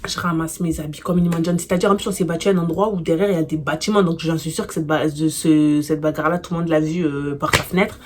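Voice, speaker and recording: Woman, storytime vlog, casual slang, fillers, animated, slightly low voice, faint hiss behind. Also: fast, few pauses. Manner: gets louder and more intense while recounting the fight. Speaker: YouTuber telling a personal story.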